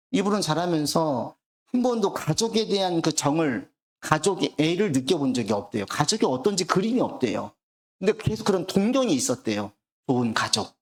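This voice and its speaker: A male pastor delivers a Sunday sermon in a storytelling way, slipping into the voices of the people in his anecdotes. His voice sits a little high and swings widely in pitch as he builds toward his points. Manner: storytelling, acts out quoted dialogue.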